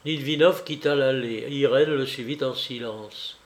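A man reading a novel aloud in a measured, deliberate way. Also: medium pitch. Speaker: audiobook reader. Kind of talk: literary reading.

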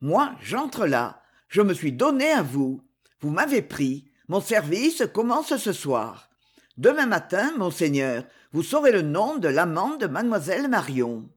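A man's voice: sits high, sing-song, measured pace, breathy edge, heavily acted. A man reading as a fawning, sinister little spy. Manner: fawning yet sinister, intense. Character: scheming small ambitious male spy lawyer. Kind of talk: audiobook character reading.

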